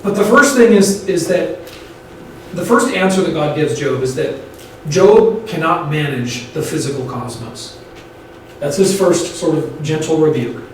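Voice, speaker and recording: A man's voice: a little high, lively intonation, measured pace. A man, a pastor, teaching a Bible study class in a conversational way, explaining points, restarting sentences and checking in with his listeners. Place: church classroom. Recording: distant mic in a very echoey room, faint noise.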